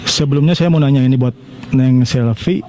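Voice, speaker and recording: A man's voice: mid-range voice, a little fast, warm tone, slight background noise, poor audio. A man judging vocals in a singing contest, blunt, repeating his points for emphasis. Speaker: vocal judge. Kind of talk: critique in an online singing contest.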